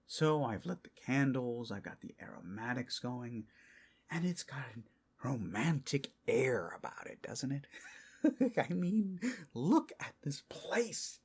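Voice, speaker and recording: In an intimate ASMR roleplay, a man plays an obsessive, lovesick captor who is both creepy and doting. His medium-pitched, heavily acted voice is breathy and husky, often dropping to a whisper as he speaks haltingly. He swings from hushed tenderness to a giddy, manic intensity that is tender yet unsettling.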